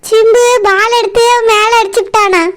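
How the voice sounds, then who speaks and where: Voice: extremely high pitch, fairly even intonation, moderate pace, background noise. A voice actor playing a worried in-law woman who anxiously reports bad news in a Kanyakumari Tamil accent in a cartoon. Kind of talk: cartoon voice acting.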